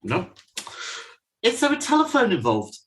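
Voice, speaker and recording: A man's voice: high-pitched, wildly swooping pitch, moderate pace, fairly bright tone, rough recording. A man co-hosting a podcast in casual chat, teasing his co-host and running the scoring. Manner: teasing, bantering, runs the scoring.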